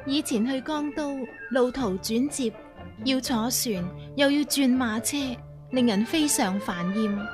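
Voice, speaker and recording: A refined empress in an educational history drama, speaking with formal courtly grace. Her voice sits high, and music plays clearly underneath. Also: measured pace. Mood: gracious. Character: refined imperial empress, pleased and gracious.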